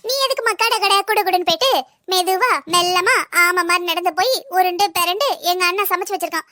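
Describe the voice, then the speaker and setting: A woman doing a shrill bossy sister-in-law. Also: fast talker, no room sound, studio quality. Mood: scolding. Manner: lecturing, sharp-tongued, preachy. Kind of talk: cartoon voice acting.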